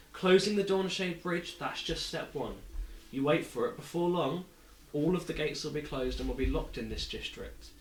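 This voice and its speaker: A man voicing a brooding male agitator in a pub, speaking with a put-on Nordic accent in a low, insistent way. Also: lightly acted. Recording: echoey room with faint music.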